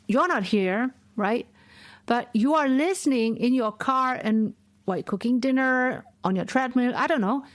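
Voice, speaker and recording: A woman in her forties hosts a podcast from her home office. Her voice sits a little high, and the sound is dry and close, with no room echo. She talks in a lecturing, explanatory way and keeps checking in with the listener. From Asia. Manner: lecturing, explanatory, with rhetorical "right?" tags. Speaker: podcast host. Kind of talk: solo podcast talk.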